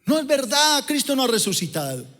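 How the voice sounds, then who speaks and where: A man's voice: extremely high pitch, sing-song, fairly quick, fairly bright tone, pitched above the performer's own voice, full character voice. A man doing scoffing doubtful men. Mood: mocking. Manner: mocking, dismissive. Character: scoffing disbelieving men mocking the women.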